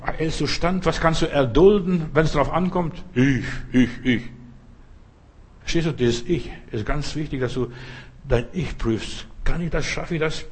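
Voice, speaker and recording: A man delivers a provocative sermon in a loose, conversational way. His voice is husky and sits a little high. He keeps turning to the listener with direct questions. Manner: conversational, provocative preaching, often asks "verstehst du?". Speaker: preacher.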